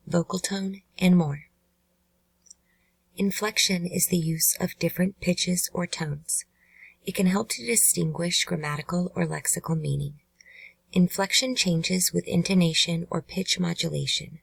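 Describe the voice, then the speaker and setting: A woman hosting a true crime channel, giving measured, earnest scripted narration. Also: lowish voice, creaky, slightly rough, dry recording, poor audio.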